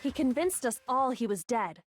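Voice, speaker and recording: A woman playing a composed, smug young woman in an anime mystery game, speaking deliberately. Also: on the high side, expressive, faint music behind. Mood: smugly teasing. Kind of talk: anime video game dub acting.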